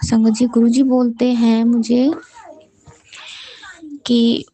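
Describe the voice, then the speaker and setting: A woman from Delhi sharing a devotional testimony with the congregation, chanting mantras and speaking in halting sentences with many restarts. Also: a little high, monotone, mellow, poor audio.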